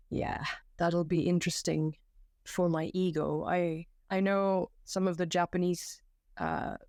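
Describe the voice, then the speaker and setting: Podcast guest: young woman from Belgium, low gravelly voice, chatty and self-deprecating, dry close sound. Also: a little mellow, dry recording. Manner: chatty, self-deprecating, many fillers and restarts. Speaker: guest, climbing competition volunteer. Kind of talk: casual podcast conversation. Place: floor of a new room at home. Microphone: home setup.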